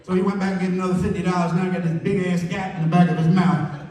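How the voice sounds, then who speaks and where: A man's voice: high-pitched, flat delivery, rapid-fire, darkish tone. A man telling profane stories at an open mic, acting out the dialogue. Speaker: stand-up comedian. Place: comedy club stage. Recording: echoey hall, distant mic, crowd.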